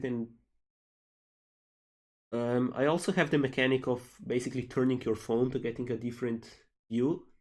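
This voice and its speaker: A man's voice: medium pitch, darkish tone. A man from Slovenia, a game developer casually reading out and answering questions on a livestream.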